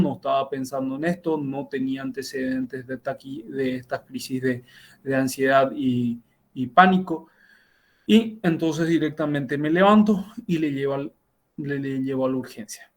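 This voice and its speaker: Over a video call, a middle-aged man who is both a university lecturer and a doctor walks his class through a clinical case. His mid-range voice keeps a steady tone, but his delivery is halting, full of self-corrections, restarts and tag questions.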